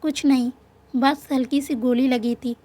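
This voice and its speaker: A woman voicing a calm young male officer who soothes and gently teases in a storybook love tale. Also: sits high, a little slow. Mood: soothing. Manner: soft, reassuring, lightly joking. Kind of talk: storybook narration with voiced dialogue.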